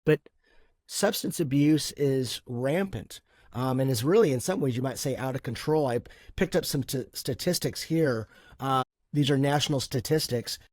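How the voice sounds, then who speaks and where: A man hosting a faith podcast, introducing guests in a measured, earnest way with some fillers. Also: medium pitch, a little mellow, no room sound, clean studio sound. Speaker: podcast host and moderator.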